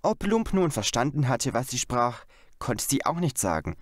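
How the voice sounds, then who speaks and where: A man narrating a children's audiobook with expressive, lively storytelling. His voice sits in a middle register and the sound is close and dry. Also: mid-range voice, normal speed, no echo. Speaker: audiobook reader. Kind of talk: scripted narration.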